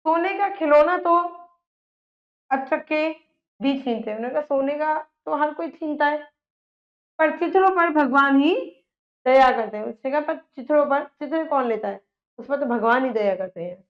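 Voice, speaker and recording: A woman's voice: sits high, normal speed. A woman teacher reading a story aloud and restating each part in simple words for children. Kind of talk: reading and explaining a textbook story. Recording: dull lo-fi sound.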